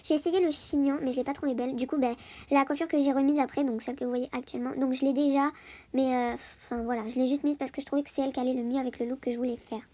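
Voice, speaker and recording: A woman's voice: sits high, fairly even intonation, very fast, dark tone. A woman giving a casual voice-over for her video, chatty and full of hesitations and fillers. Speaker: video host.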